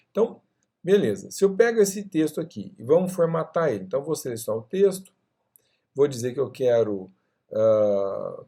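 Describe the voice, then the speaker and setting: A man with a Brazilian Portuguese accent teaching design software in a screen-recorded tutorial, talking through each menu step by step and checking in with the viewer as he goes. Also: on the high side. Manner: explanatory, frequent "tá?" checks, walks through menus step by step.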